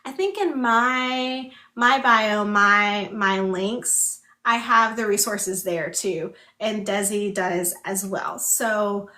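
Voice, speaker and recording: A woman hosting a casual livestream chat, signing while speaking, so her phrases come out halting and broken up. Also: mid-range voice, bright, forceful tone. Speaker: book club host and ASL voice interpreter. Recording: echoey room.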